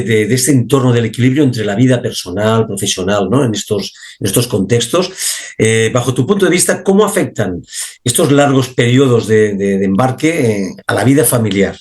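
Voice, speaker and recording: A man's voice: mid-range voice, darkish tone. A man hosting an interview, asking questions hesitantly, repeating words and agreeing often. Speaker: host.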